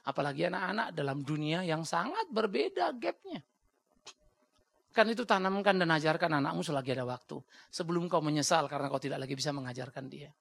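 Gravelly, bright-voiced male preacher. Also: sits high. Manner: blunt and animated, acting out quoted voices; drops English words into his talk. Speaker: pastor. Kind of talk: sermon.

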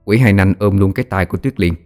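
A man's voice: low-pitched, quick pace, a little mellow, soft background music. A man narrating a ghost story in a dramatic, vivid way. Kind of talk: scripted horror story narration.

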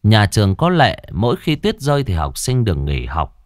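A man's voice: fairly low pitch, huge pitch swings, normal speed, no room sound, clean studio sound. A man reading a ghost story aloud with a dramatic, suspenseful delivery. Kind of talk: scripted horror narration.

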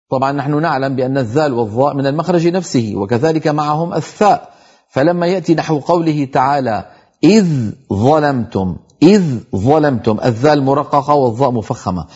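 A middle-aged man teaching tajweed on a televised lesson, explaining each rule and reciting the example words slowly. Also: a little high, expressive, darkish tone, breathy edge, muffled recording.

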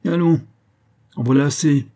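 A man reading aloud, voicing a gruff male convict who cuts the others short with a commanding manner. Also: medium pitch, flat delivery, a little fast, dark tone, close to an everyday voice. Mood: brusque. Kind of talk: audiobook character voice.

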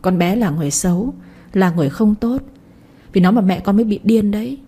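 Woman doing a mean old granny, cutting and scornful, kinda husky. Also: mid-range voice, brisk, warm tone. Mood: coaxing. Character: scheming old grandmother, sharp-tongued and cruel.

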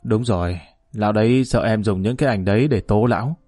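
A man voicing a fiery, sharp-tongued young woman in a spoken story. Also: fairly low pitch, brisk, no room sound, studio quality, soft background music, lightly acted. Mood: distraught.

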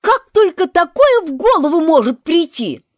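A woman's voice: high voice, big pitch swings, measured pace, dry recording, studio quality, pitched above the performer's own voice. A woman voicing a bold, outspoken young girl in a storybook reading. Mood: defiant. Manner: defiant, indignant.

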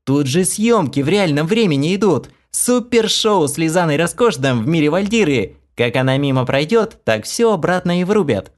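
A male audiobook reader voicing an excited, cheeky young woman gamer in a shrill, gleeful voice. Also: normal speed, few pauses, lightly acted.

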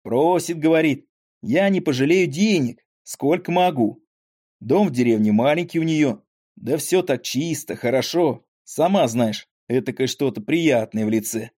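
A man's voice: mid-range voice, animated, a little slow, a little mellow. Man doing a frail rambling old father. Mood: grumbling, chatty. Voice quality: weak voice. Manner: rambling folksy speech. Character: frail old dying father, talkative, grumbling.

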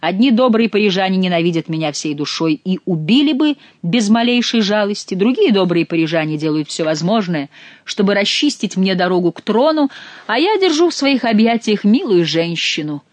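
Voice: mid-range voice, expressive, normal speed, no echo, pitched above the performer's own voice, close to an everyday voice. A reader voicing an amorous, gallant young king who talks tenderly and effusively to his beloved.

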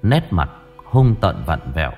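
A man narrating a dramatic audio story in an expressive, dramatic way. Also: deep voice, unhurried, breathy edge, faint music behind.

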